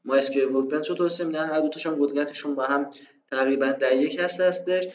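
A man giving a casual spoken programming lesson, often posing rhetorical questions to himself and pausing with fillers. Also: on the high side, fairly even intonation, roomy sound, poor audio. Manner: conversational, rhetorical self-questions, frequent fillers. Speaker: programming instructor. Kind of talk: screen-recorded tutorial explanation.

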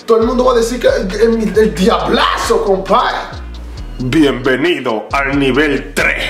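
Young Dominican Spanish male comedy host, very high voice, slangy, animated delivery, echoey room. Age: young adult. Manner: animated, slangy street talk. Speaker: YouTube comedy creator, host. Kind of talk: comedic direct-to-camera channel announcement. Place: small indoor room with bare wall. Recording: echoey room, light music behind.

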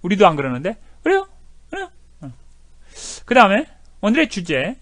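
A man teaching an English video lesson, animated, repeating words over and over to demonstrate how they sound. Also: sits high, moderate pace, dry recording, studio quality.

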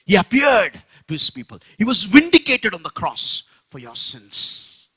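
Indian-accented male preacher, high lively voice, bright and a little husky, emphatic sermon delivery. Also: a little slow. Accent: Indian English. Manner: emphatic, rising to shouts on key phrases. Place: church.

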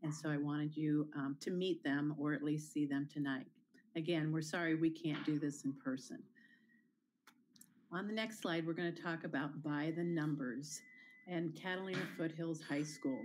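A woman's voice: sits low, fairly even intonation, normal speed, darkish tone, a little hiss or hum. A woman principal speaking informally to families over a video call, with the odd filler and restart. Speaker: school principal hosting a town hall.

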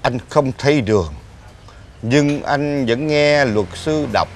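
An actor playing a blind, middle-aged ex-husband who pleads and complains at length in a TV drama. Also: male voice, mid-range voice, slow pace, lightly acted. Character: blind middle-aged man, self-pitying, talkative. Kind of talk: TV drama acting.

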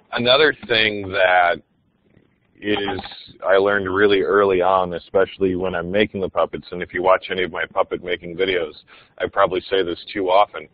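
A man's voice: low voice, no echo, highs cut off. A man, a teacher, giving a casual, enthusiastic webinar presentation with frequent ums.

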